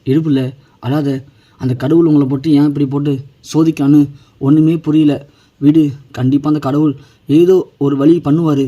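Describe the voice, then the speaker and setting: A man's voice: a little high, little pitch movement, normal speed, pauses often, dark tone, lo-fi sound, lightly acted. A man reading a kindly older woman. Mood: consoling. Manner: soothing, reassuring.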